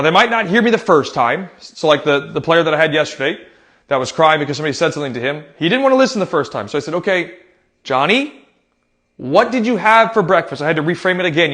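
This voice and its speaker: An American man, a youth soccer coach, giving casual advice and telling stories with lots of fillers and "right?" tags. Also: on the high side. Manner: animated storyteller who acts out his own loud quoted lines.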